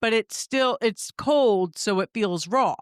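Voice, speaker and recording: A woman's voice: mid-range voice, slow pace, clean tone, no echo, clean studio sound. A woman co-hosting a podcast, giving firm opinions in casual chat. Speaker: podcast co-host.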